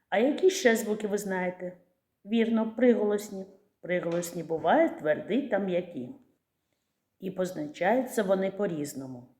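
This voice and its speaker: Slow, patient woman teaching young children. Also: lowish voice, dark tone, roomy sound. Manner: patient, clear, drawn-out articulation of sounds. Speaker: preschool teacher. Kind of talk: slow, deliberate literacy lesson for small children.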